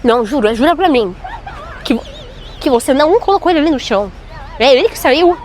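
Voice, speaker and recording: A woman filming a casual vlog on her phone in a supermarket aisle, talking excitedly with playful mock alarm. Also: sits high, a little fast, soft background music. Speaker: mother filming a family outing. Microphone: handheld phone camera. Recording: noisy store ambience.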